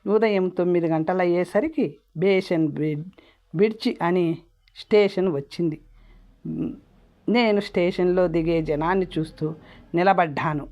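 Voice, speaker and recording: Female audiobook narrator, lowish voice, plain storyteller delivery, muffled lo-fi recording. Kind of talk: storybook reading. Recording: dull lo-fi audio.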